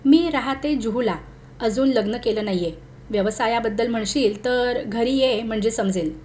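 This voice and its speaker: A woman reading the lines of a bold young woman who speaks calmly and with easy command. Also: a little high, normal speed, slight background noise, close to an everyday voice. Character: bold, self-assured young city woman.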